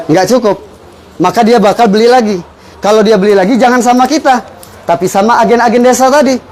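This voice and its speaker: Man, high voice, motivational sales presenter, persuasive, frequent rhetorical questions. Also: darkish tone, slight background noise. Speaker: business presenter explaining a fertilizer sales strategy. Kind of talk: motivational business pitch, informal explaining.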